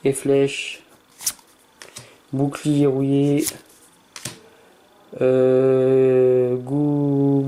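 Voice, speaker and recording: A mellow-voiced YouTuber mutters casual commentary while opening trading cards, reading card names aloud, stammering, and bursting into excited exclamations. Because it's night, he holds back from shouting and keeps his voice low, and there's a little hiss or hum.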